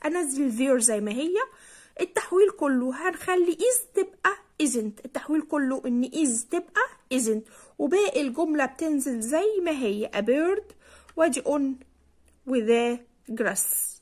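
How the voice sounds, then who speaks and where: A woman's voice: sits high, lively intonation, darkish tone. Egyptian woman teaching English to kids. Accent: Egyptian Arabic. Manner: spells words out slowly and repeats them. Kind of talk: children's English lesson.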